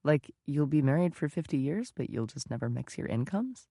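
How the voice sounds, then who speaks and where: A man's voice: fairly high pitch, big pitch swings, moderate pace, gravelly, dark tone, dry recording, clean studio sound, full character voice. A man voicing a friend who asks probing, incredulous questions.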